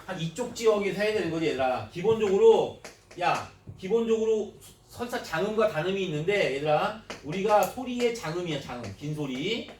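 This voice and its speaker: A man's voice: sits high, expressive, a little fast, darkish tone. A man teaching a grammar class, often checking in with his students through short questions and moving between polite and casual speech. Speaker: Korean language teacher. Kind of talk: classroom lecture. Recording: echoey room, mic at a distance, faint noise.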